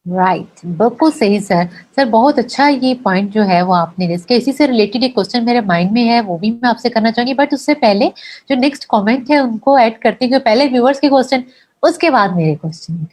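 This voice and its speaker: A woman's voice: a little high, expressive, a little fast, a little mellow. A woman hosting a live question-and-answer workshop. She politely reads out viewers' questions and acknowledges the guest with frequent "hmm"s. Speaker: host and moderator.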